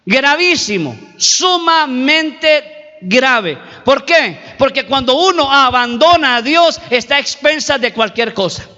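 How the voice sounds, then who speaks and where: A man's voice: very high-pitched, bright, forceful tone. A man preaching a sermon as pastor, emphatic, repeating and stretching key words. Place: church hall. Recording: reverberant hall, dull lo-fi recording.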